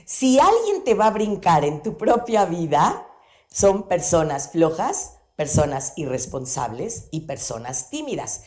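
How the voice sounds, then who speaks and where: A woman, talking about psychology on the radio in an animated, playful way with many examples. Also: fairly low pitch, unhurried. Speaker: psychology guest on radio show. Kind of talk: conversational radio talk. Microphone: studio microphone.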